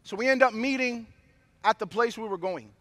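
A man's voice: extremely high pitch, moderate pace, a bit bright, no room sound. A man preaching a sermon, a father who mixes impassioned preaching with personal stories. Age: adult father of young children. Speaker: pastor.

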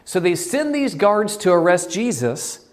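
A man preaching an evening sermon, swinging between high exclaims and hushed low lines. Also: very animated, measured pace.

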